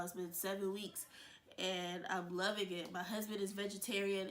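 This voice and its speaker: Chatting casually to camera on her own video channel, this vlogger sounds congested, and her lowish, fairly bright voice keeps stumbling into fillers and fresh starts.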